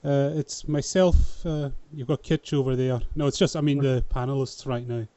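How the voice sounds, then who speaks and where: A man's voice: mid-range voice, fairly even intonation, normal speed, mellow, no room sound. A man with a thick Scottish accent hosting an informal live panel chat over an online call. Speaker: host of a live panel show. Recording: muffled online call audio.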